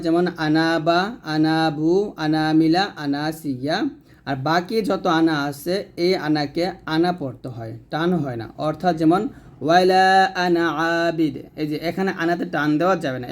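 Male teacher with a Bangladeshi Bengali accent, slightly high voice, slow and deliberate, drawn-out example words. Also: a little mellow. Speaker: Quran reading teacher. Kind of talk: recorded lesson.

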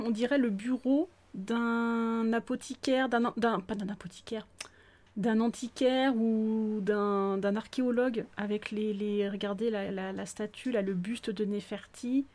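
A woman's voice: mid-range voice, mellow. A woman giving casual, gushing commentary on a game tour, exclaiming often and sometimes dropping almost to a whisper. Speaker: gaming video host touring viewers' islands. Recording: faint music behind.

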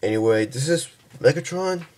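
A young man casually reviewing and transforming a toy figure, halting and stumbling over his words, tired from just waking up. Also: fairly high pitch, lively intonation, a little mellow. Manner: halting, stumbles and restarts often.

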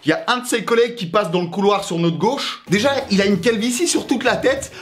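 A man's voice: high-pitched, fast talker. A young man from Russia with a Russian accent, telling a joking personal story on his vlog with slangy asides. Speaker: YouTuber.

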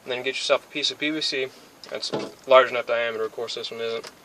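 A man in his twenties, a DIY hobbyist who is a bit sick and spacey, gives a casual how-to on a backyard build, starting by a car outdoors and moving under a metal-roofed shed. His middle-pitched delivery is even, flat and quick, yet he often loses his thread, saying "uh" and correcting himself. Crickets and insects hum faintly behind the close camera mic on this low-quality recording.

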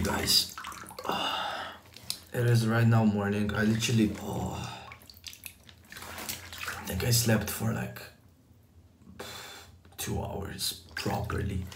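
A man's voice: on the low side, distant mic, noisy background. A young man vlogging from a bathtub late at night, groggy and sighing, talking casually to his viewers. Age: young adult. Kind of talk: casual vlog to camera. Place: small tiled bathroom, lying in a bathtub. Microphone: phone camera propped nearby. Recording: echoey bathroom, slightly off-mic, background music.

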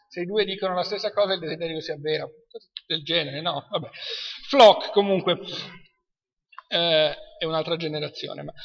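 A man's voice: sits high, bright, forceful tone. A man with an Italian accent giving a university lecture, chatty and quizzing the class. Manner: chatty, asks the class questions. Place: lecture hall. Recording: dull lo-fi sound in a reverberant hall.

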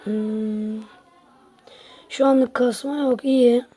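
A woman's voice: fairly high pitch, steady tone, slow pace, mellow, soft background music. A woman giving casual gameplay commentary to her viewers, grumbling and exasperated as she plays. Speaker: gaming channel host.

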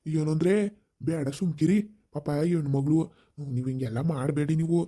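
A woman voicing a mild village father who keeps pleading for calm in a comedy skit. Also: low-pitched, normal speed, husky, pitched below the performer's own voice. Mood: soothing.

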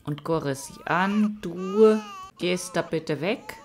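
A woman's voice: lowish voice, takes it slowly, a little mellow, a little hiss or hum. A woman giving casual let's-play commentary, chatting along and talking to her game characters as she plays.

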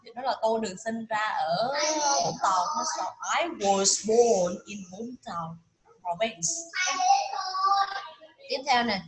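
A woman teaching pronunciation, drilling words aloud and repeating each one slowly. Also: mid-range voice, crowd noise, rough recording. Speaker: English teacher. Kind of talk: pronunciation lesson.

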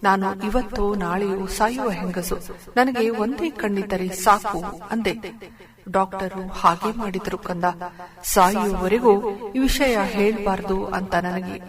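A woman's voice: mid-range voice, steady tone, slow pace, crowd noise. A woman voicing a poor, dying, one-eyed mother who tenderly addresses her son in a letter.

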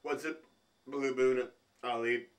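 Brief: male food vlogger, unhurried, halting thinking-aloud delivery. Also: mid-range voice, little pitch movement. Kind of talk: food tasting vlog.

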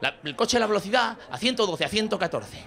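A middle-aged man from Spain with a Spanish accent, doing a stand-up comedy monologue with punchy delivery and quick asides. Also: sits high, animated, gravelly, pushed and bright. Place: comedy club stage with a live audience.

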